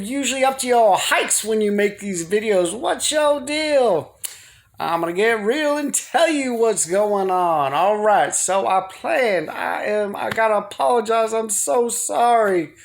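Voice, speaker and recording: In his living room, a video blogger rambles to his viewers in a folksy, slangy, playful style for a personal home vlog. He has a very high, fairly bright voice, recorded on a phone.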